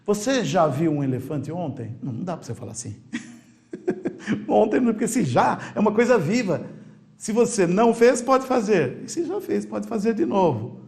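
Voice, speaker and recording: A Brazilian man with Portuguese as his first language, teaching an online English grammar lesson in an emphatic way, repeating key words slowly and checking in often with quick questions. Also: high voice, sing-song, gravelly, a little mellow.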